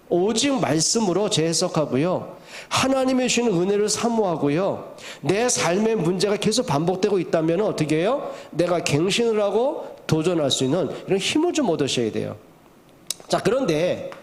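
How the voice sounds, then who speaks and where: A man's voice: sits high, darkish tone. A middle-aged male pastor preaching a sermon, asking the congregation rhetorical questions and repeating his key points for emphasis.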